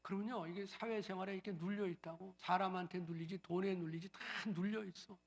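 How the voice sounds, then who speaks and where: A man preaching a sermon as pastor, moving between quiet explanation and loud, drawn-out declarations while leading the congregation to repeat after him. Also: high voice, fairly even intonation. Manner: swings between soft talk and loud proclaiming; leads the congregation in call-and-response.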